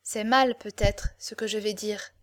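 A woman reading the part of a tender, devoted young woman, soft and heartfelt. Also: sits high, unhurried. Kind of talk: audiobook character reading.

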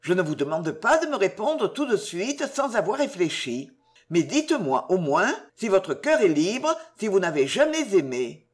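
A woman voicing an earnest young man in love in an audiobook, speaking gravely and tenderly. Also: mid-range voice, big pitch swings, moderate pace, natural voice. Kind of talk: audiobook character reading.

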